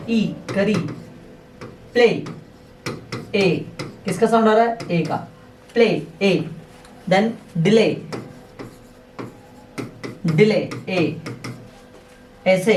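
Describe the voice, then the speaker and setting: A man teaching a spoken English lesson, often addressing his viewers as friends and drilling words by slow repetition. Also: high voice, darkish tone. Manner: addresses viewers as friends, checks with "theek hai". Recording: roomy echo, mic at a distance, faint noise.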